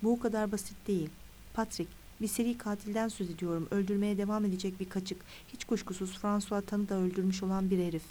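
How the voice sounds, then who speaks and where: A woman's voice: mid-range voice, steady tone, fast, dark tone, a little hiss or hum, lightly acted. A woman reading the lines of a pushy, insistent female investigator in an audiobook. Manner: insistent, lecturing.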